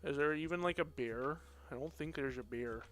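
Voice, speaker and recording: A young man giving live play-by-play commentary on a student esports match, excitable and joking between plays. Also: a little high. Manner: excitable, quick reactions, jokes between plays.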